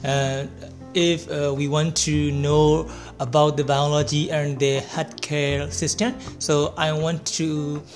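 A young adult with a Burmese accent answers interview questions in non-native English, halting and repeating phrases. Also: medium pitch, little pitch movement, faint music behind. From Myanmar. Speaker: interview guest, biomedical engineering researcher.

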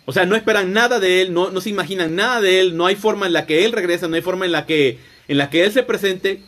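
Higher-voiced man teaching a Bible story. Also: fast, a bit bright. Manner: conversational, many restarts and "o sea" rephrasings. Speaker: preacher.

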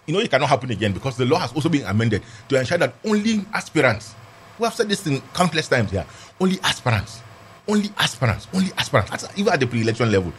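A Nigerian-accented legal commentator appearing as a guest argues his point quickly, with very lively pitch and an emphatic, combative tone, repeating key phrases for stress. The animated political and legal discussion has faint background noise.

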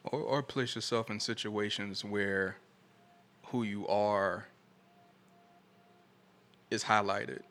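A man talking reflectively and casually in a soft-spoken way. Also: lowish voice, fairly even intonation, slow, long pauses.

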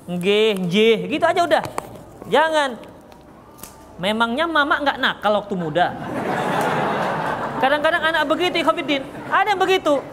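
Speaking at a normal speed with long pauses, this Medan preacher has a very high, sing-song voice. He teaches religion, answers questions, and frequently teases and laughs. Background noise and faint ambience fill the echoey hall.

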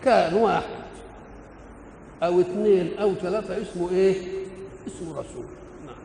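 A man's voice: sits high, moderate pace, vocal fry, warm tone. An older man with an Egyptian accent giving a colloquial religious lecture, asking rhetorical questions and answering them himself. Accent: Egyptian Arabic. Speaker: preacher explaining the Quran. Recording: echoey hall with faint noise, old recording.

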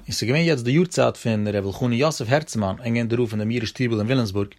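A man with a Yiddish accent teaching a Talmud class, reading the text in a quick singsong study-hall chant and explaining it. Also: medium pitch, darkish tone.

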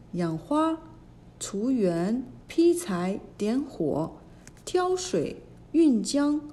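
A woman narrating a classic myth for children in an expressive storybook manner. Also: a little high, a little hiss or hum.

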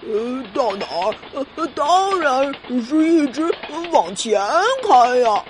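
A woman's voice: high voice, animated, background noise. A woman voicing a bumbling old male inventor who hesitates with "er" in a children's storybook reading, with music behind. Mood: matter-of-fact. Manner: slow, hesitant, full of "er".

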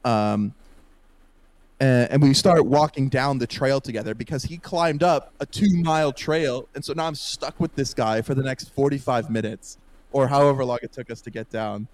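A man's voice: medium pitch, normal speed, a little mellow. A young man, a podcast guest, telling a long story in a casual, rambling way, with lots of fillers and laughs, over a voice call.

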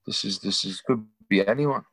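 A man, talking loosely and telling stories over a video call. His voice sits fairly low and sounds dry and close, with no room around it. He swears freely and jumps from one story to the next. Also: normal speed, breathy edge, no room sound. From England. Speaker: show promoter on a video call. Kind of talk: casual chat.

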